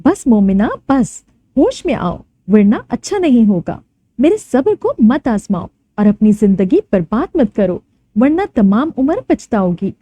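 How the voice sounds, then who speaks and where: A woman's voice: fairly high pitch, sing-song, a little slow, mellow, breathy edge, heavily acted. A woman storyteller voicing a stern, worried middle-aged mother who scolds her daughter firmly in a storybook reading. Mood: angry. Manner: scolding, firm.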